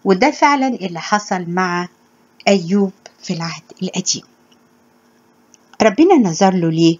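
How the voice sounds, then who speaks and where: A woman with an Egyptian Arabic accent giving a sermon in an earnest, measured teaching tone, with scripture read aloud. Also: lowish voice, animated, darkish tone. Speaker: religious teacher. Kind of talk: spoken sermon with scripture reading. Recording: dull lo-fi recording.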